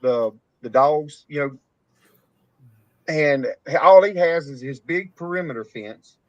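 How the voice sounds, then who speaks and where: Fairly high in pitch and slow, a man with a Texan accent, a cattle farmer, hosts a laid-back live stream on a dry recording. He wanders through his tales, laughing as he goes, with rural Southern grammar, and the lo-fi audio is dull and dry.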